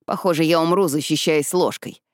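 A woman voicing a wry, wordy gentleman who speaks in courtly, ironic phrases. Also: low voice, brisk, no room sound, studio quality, natural voice.

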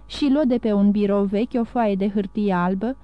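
A woman's voice: mid-range voice, clean tone, dry recording, lo-fi sound. A woman narrating a classic novel as an audiobook, reading steadily. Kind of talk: scripted narration.

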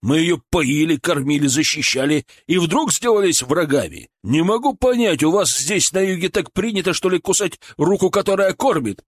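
A man's voice: a little high, lively intonation, normal speed, few pauses, slightly rough, dry recording, studio quality, voice pushed up. A man voicing an indignant, exasperated husband. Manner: exasperated, reproachful. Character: indignant middle-aged man, protective husband.

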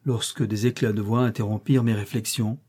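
A man narrating a classic short story in the first person, reading in a measured, literary manner. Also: fairly low pitch, steady tone, darkish tone, slightly rough. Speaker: audiobook reader.

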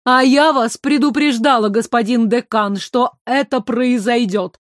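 A woman's voice: a little high, unhurried, no echo, clean studio sound, lightly acted. A woman voicing a strict, reproachful older head tutor. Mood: stern. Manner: stern, reproachful.

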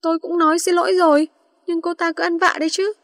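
A woman's voice: very high-pitched, level tone, fast, fairly bright tone, no echo, studio quality, voice pushed up. A woman voicing a brash, quarrelsome young man in a storybook reading, with a mocking manner.

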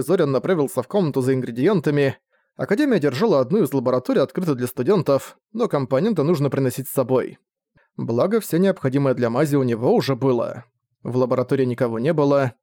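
A man reading a fantasy novel aloud as narrator, in an even, steady voice. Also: mid-range voice, fast, no echo, clean studio sound. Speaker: audiobook narrator. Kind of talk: scripted audiobook narration.

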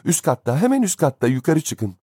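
Man putting on a high, frantic young nurse. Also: sing-song, a little fast, dark tone, husky, no room sound, studio quality. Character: young woman nurse, flustered and jumpy.

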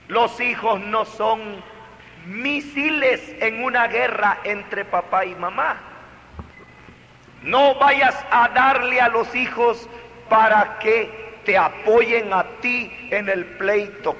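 Man preaching slow and dramatic, high bright voice, echoey hall. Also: slight background noise. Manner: emphatic, dramatic swings in loudness. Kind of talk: sermon.

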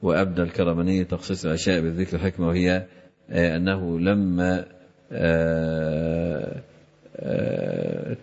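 A middle-aged man reads a classical commentary aloud and explains it, filling pauses with drawn-out "aah" sounds. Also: deep voice, animated, gravelly, darkish tone. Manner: frequent drawn-out "aah" fillers between phrases. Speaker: Islamic scholar teaching hadith commentary. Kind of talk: reading and explaining a classical text. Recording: slightly dull lo-fi recording.

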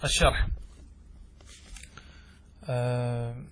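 A man teaching a grammar lesson who poses questions to his students and answers them himself, chanting verses slowly. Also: medium pitch, little pitch movement, a bit bright, slight background noise. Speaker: sheikh teaching Arabic grammar. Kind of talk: classroom lesson explaining verse.

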